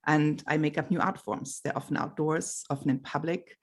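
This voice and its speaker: A middle-aged woman from Germany, a guest artist speaking thoughtfully on a panel over a video call, pausing often with fillers. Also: deep voice, fairly even intonation, slightly rough. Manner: thoughtful, warm, with fillers and pauses. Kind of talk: panel talk. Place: home.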